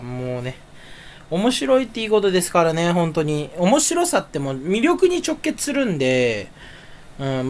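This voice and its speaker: A man chatting alone in a rambling, self-mocking way, with sudden jumps up in pitch. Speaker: streamer. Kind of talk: casual solo chat.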